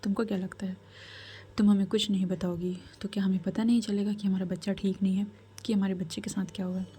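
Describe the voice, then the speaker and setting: A woman's voice: mid-range voice, level tone, dark tone, breathy edge, natural voice. Woman voicing a wise royal grandmother. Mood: firm counsel. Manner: measured, counselling, firm. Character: calm, commanding royal grandmother, older woman.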